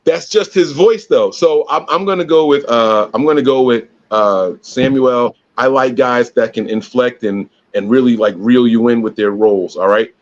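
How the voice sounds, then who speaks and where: Laid-back man on a dull lo-fi line. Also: mid-range voice. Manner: laid-back, teasing, drawn-out delivery. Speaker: podcast co-host. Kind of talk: casual live podcast chat. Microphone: phone.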